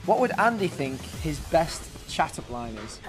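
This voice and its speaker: A man's voice: fairly high pitch, very animated, normal speed, faint music behind. A young man from a band, joking and chatting casually. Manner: playful, jokey. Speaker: band member. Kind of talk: casual chat.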